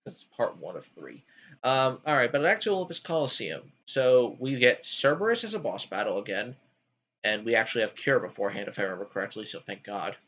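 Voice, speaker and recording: A man hosts a relaxed chat about video games, and his pitch swings widely from line to line. He fills pauses with ums and jumps between thoughts. The recording sounds dull and lo-fi. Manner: animated, jumpy pitch with frequent ums. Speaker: podcast host ranking game worlds. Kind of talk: casual gaming chat.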